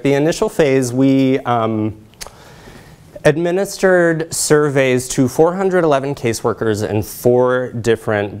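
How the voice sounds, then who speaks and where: A man in his thirties, a social work researcher, presents his academic research while standing by a projection screen in a lecture room. His mid-range voice has a darkish tone, and he keeps things conversational, checking in with the audience through short tag questions.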